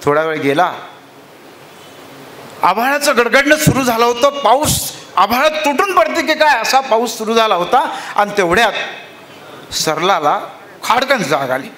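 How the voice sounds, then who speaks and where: Brief: male stage storyteller, expressive, bright tense voice. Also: extremely high pitch, measured pace, pauses often. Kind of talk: dramatic story narration at a literary conference.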